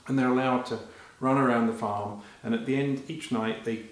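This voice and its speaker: Man telling children a story, echoey room. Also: mid-range voice. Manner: animated, addressing children with questions; halting, repeats phrases as he narrates. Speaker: children's storyteller and magic performer. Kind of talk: live children's storytelling performance.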